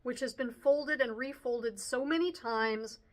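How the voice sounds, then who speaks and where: A woman narrating a first-person audiobook in an expressive, youthful storytelling manner. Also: on the high side, measured pace, poor audio.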